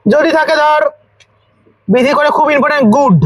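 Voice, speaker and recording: Speaking at a moderate pace in a high voice, a Bengali-accented tutor quizzes school students on grammar, echoes back their answers and spells out words one letter at a time. There's no echo, though the audio quality is poor.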